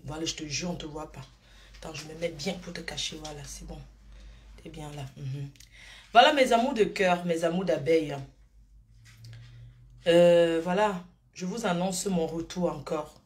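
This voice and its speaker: Effusive grandmotherly woman live-streaming. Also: lowish voice. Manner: effusive, calls viewers endearments, drifts between topics. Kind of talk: rambling live-stream chat.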